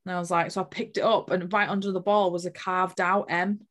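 A woman's voice: on the low side, little pitch movement, a little fast. Earnest woman telling a personal story. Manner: earnest, emotional, many fillers. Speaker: guest sharing a spiritual story.

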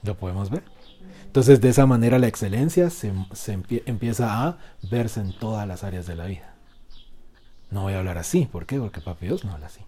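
A man preaching a sermon, asking the congregation questions and swinging between loud and soft. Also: lowish voice, animated, fairly quick, slightly rough. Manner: call-and-response with congregation.

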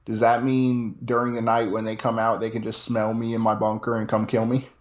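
A man's voice: fairly low pitch, completely flat delivery, fairly quick, echoey room, dull audio. A man in casual chat, joking crudely and asking lots of questions.

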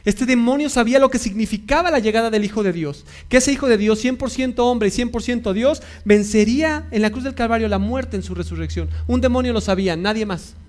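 High-voiced male pastor preaching. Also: brisk, few pauses, darkish tone. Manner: preaching with emphatic repetition and questions to the congregation. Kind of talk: sermon.

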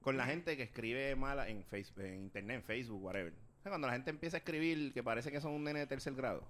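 A man's voice: mid-range voice, fast, a bit bright. A man with a Puerto Rican Spanish accent, chatting casually and rambling with restarts on a group talk show.

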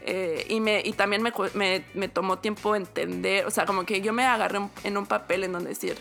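A woman's voice: medium pitch, a little fast, creaky, soft background music. A young woman from Mexico with a Mexican Spanish accent, telling a personal story in a casual podcast chat, acting out quotes. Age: young adult. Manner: animated storytelling with acted quotes.

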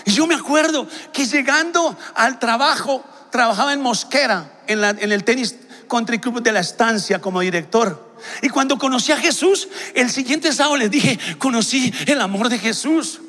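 A man preaches to a youth gathering, his high voice ringing bright and forceful. He builds passionately and often breaks into shouts. The sound trails off in the long reverb of a large church hall. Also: expressive, normal speed. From Colombia. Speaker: pastor. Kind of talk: sermon to young people.

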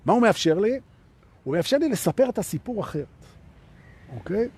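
A man coaching a live audience in a motivational self-help talk. His voice is rough and husky, set fairly high for a man, and it swings widely in pitch. He keeps repeating phrases and speaking straight to his listeners. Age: adult with a son. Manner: animated, repeats phrases, addresses listeners directly. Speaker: coach leading a live online session.

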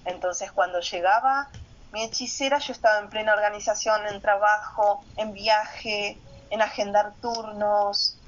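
A woman sharing her personal story in a reflective testimony, pausing often with soft fillers. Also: mid-range voice, steady tone, highs cut off.

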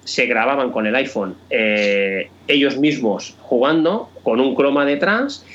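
A man in a casual tech chat, talking haltingly and repeating his words as he restarts. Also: medium pitch, expressive, a bit bright, muffled recording.

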